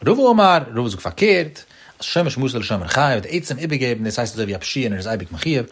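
A man giving a religious law lesson, explaining rapidly and emphatically with sudden jumps in pitch. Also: animated, slightly rough.

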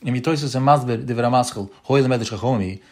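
A man teaching a Talmud study lesson, reasoning through cases in a quick singsong with rising and falling questions. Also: medium pitch, darkish tone. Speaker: religious text teacher. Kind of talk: rapid Talmud study lecture.

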